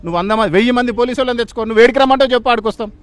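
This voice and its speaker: Fiery fast-talking Telangana man. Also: very high-pitched. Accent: Telangana Telugu. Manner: angry, defiant, shouting accusations. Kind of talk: street interview.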